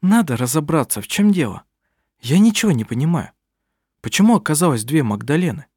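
A man reading aloud, voicing a proud, sharp-tongued middle-aged witch who is a mother, with dry, cutting remarks. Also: fairly high pitch, big pitch swings, brisk, breathy edge, dry recording, voice pushed up. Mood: stern.

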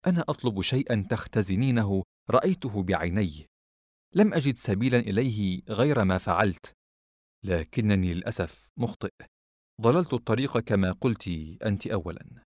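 Audiobook guy doing a cool, restrained melancholy man, a bit lower, dry close sound. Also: lively intonation, a little fast, a little mellow, no echo. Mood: bitter. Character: reserved, melancholy Egyptian man, cool and proud.

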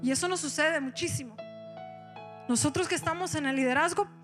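Woman pastor, animated sermon delivery, code-switches, high-pitched. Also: a little fast, faint music behind. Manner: animated, switches into English, directs the congregation.

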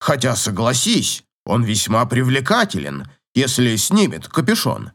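A man voicing a gruff, teasing old professor in an audiobook, grumbling and chuckling in a slow drawl. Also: medium pitch, sing-song, fairly bright tone. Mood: matchmaking. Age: older.

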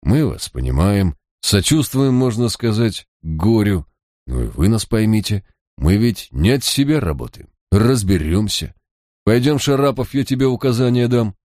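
A man's voice: on the low side, big pitch swings, normal speed, darkish tone, no echo, studio quality, pitched above the performer's own voice. A man reading an audiobook voices a brash, sardonic police chief who gives curt, mocking orders in street slang. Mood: soft, coaxing.

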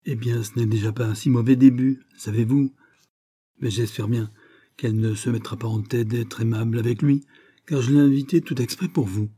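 A man reading an audiobook, voicing a chatty, gossipy wealthy society hostess with a confiding, emphatic manner and a husky voice. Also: medium pitch, steady tone, moderate pace, warm tone, close to an everyday voice.

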